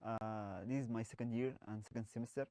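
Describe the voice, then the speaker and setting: A young man, a university student, telling stories softly and hesitantly as a talk show guest. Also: fairly low pitch, fairly even intonation, a little fast, no echo. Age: young adult. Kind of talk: casual interview storytelling.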